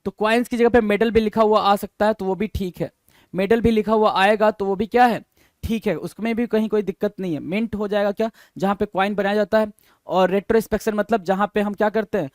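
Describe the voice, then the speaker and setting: Male vocabulary tutor, high register, repetitive question-and-answer drilling, dry close mic. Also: fairly even intonation, brisk, no room sound. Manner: mixes Hindi and English, repeats each answer and spells it letter by letter; asks the viewer questions and answers them himself. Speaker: exam vocabulary teacher. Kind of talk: recorded vocabulary lesson.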